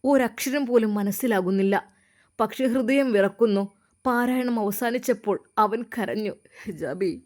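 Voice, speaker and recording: A woman from Kerala narrating a religious story in a measured, earnest way. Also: a little high, darkish tone.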